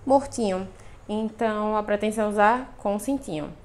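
A woman's voice: medium pitch, normal speed, darkish tone, slight background noise. A young woman vlogging a casual clothing try-on, chatting straight to her viewers with lots of cute diminutives, recorded on a lapel mic in her living room. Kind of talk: casual try-on haul vlog. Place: apartment living room by a balcony window. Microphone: clip-on lapel mic.

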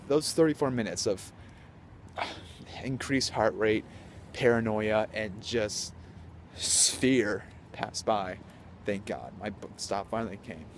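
A young man telling a story to a handheld camera on a city street at night, hyper and animated, dropping to whispers at times. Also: fairly low pitch, a little hiss or hum. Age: young adult. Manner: hyper, animated, swings between loud and whispering. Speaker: vlogger. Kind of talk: casual storytelling vlog. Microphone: handheld camera at arm's length.

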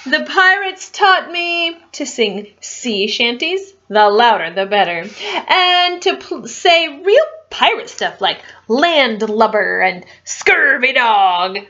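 A woman reading a picture book aloud to children in an animated way, with asides and questions for her young listeners, on a dull lo-fi recording. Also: high-pitched, slow. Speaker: storytime reader.

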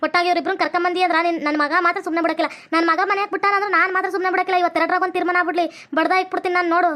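A woman's voice: very high voice, flat delivery, very fast, sharp tone. A woman voicing a bossy, scornful middle-aged mother-in-law with a North Karnataka Kannada accent, scolding and mocking.

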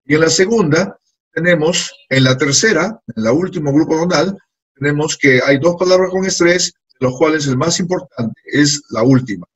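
In a low-quality recording, a man with a slightly high, husky voice teaches an English class to a group of students at a normal pace. He patiently repeats words and phrases during the lesson.

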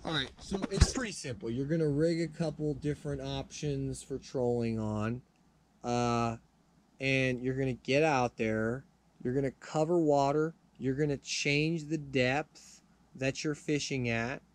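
A man with a Californian accent hosting a fishing channel, giving casual tips in a relaxed, rambling way with many fillers and restarts. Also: medium pitch, a little slow. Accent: Californian English.

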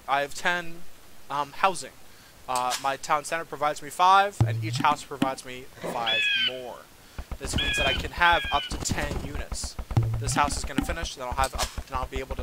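A man's voice: medium pitch, wildly swooping pitch, moderate pace, loud music behind the voice. A young man giving a casual, rambling walkthrough of a strategy game, full of fillers and self-deprecating asides. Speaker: game tutorial presenter. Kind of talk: casual gameplay commentary.

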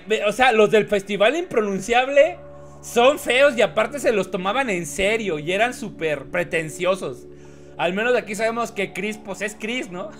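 A man's voice: sits high, a bit bright. A man reading a comic on a live stream, laughing often and joking with his chat.

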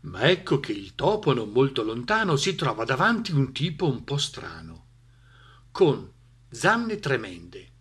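A man reading a rhyming storybook aloud, slow and unhurried. His voice rises and falls widely, rocking with the rhythm of the verse. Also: mid-range voice, sing-song, fairly bright tone, slightly rough.

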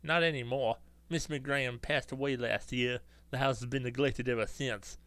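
A man's voice: mid-range voice, fairly even intonation, moderate pace, a bit bright, smooth, no echo, lightly acted. Game NPC: a man voicing a middle-aged neighbor man, folksy, nosy, chatty. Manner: folksy, nosy small talk.

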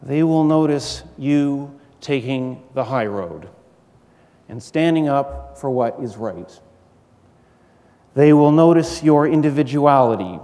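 Slow, measured male lecturer in echoey hall. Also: medium pitch, mellow. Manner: measured, earnest, rhetorical with deliberate pauses. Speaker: university lecturer. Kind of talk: prepared formal speech. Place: large university auditorium stage. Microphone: gooseneck podium microphone. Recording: echoey hall with long reverb.

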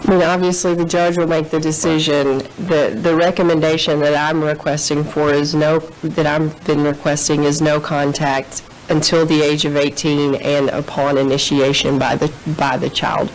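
A woman's voice: low voice, level tone, normal speed, few pauses, a little hiss or hum, low-quality recording. A woman in her thirties giving formal, careful testimony from a courtroom witness stand into a desk microphone.

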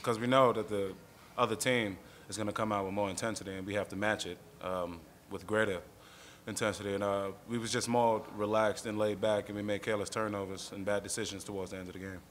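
A man's voice: lowish voice, steady tone, fast, fairly bright tone, a little hiss or hum. A young man, a college basketball player at a postgame press conference, talking plainly and earnestly into a table mic. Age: young adult.

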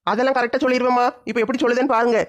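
A performer acting in a village comedy sketch with a cheeky, deadpan manner. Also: medium pitch, racing.

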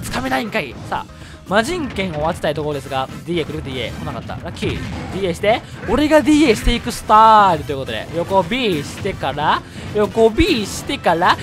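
Excitable Kansai man calling his game. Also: sits high. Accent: Kansai Japanese. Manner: excitable, shouts and laughs at big plays. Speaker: gameplay commentator. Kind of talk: live game commentary. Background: background music.

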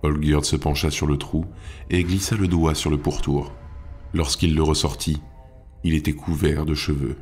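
A man narrating a fantasy thriller audiobook in a measured, dramatic way. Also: rumbling low, steady tone, darkish tone, husky, faint music behind.

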